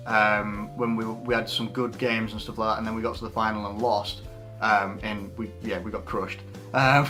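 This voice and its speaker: A man in his late twenties from England chats through viewer questions off the cuff. He rambles and restarts his sentences, leaning on fillers as he goes. His voice sits at a middling pitch, and faint music plays underneath. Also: fairly bright tone. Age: 20s. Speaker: YouTuber answering viewer questions. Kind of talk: unscripted casual Q&A.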